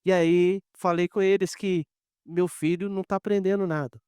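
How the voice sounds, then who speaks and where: At a moderate pace, a man with a Brazilian accent preaches in a high-pitched, clear, resonant voice, with no room sound in the recording. He is a pastor giving a chatty sermon, directly engaging his listeners and dramatizing the people and conversations in his stories.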